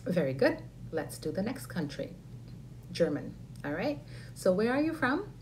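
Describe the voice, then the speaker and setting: A woman teaching an English lesson, saying model phrases slowly and clearly for learners to repeat. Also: mid-range voice, big pitch swings, darkish tone, slight background noise, poor audio. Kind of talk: ESL lesson with repeat-after-me drills.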